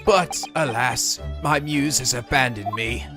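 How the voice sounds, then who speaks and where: A performer voicing a melodramatic, despairing gentleman detective from a video game, in a florid, theatrical, lamenting way. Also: medium pitch, a little slow, over music, pitched below the performer's own voice, natural voice. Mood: anguished lament. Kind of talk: hobby game dub read-aloud.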